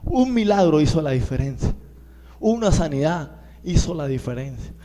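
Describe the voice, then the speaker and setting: A man's voice: fairly high pitch, big pitch swings, normal speed, warm tone, big-room sound. A man preaching a sermon, telling a personal testimony and acting out the voices of the people in it. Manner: storytelling, acts out quoted voices.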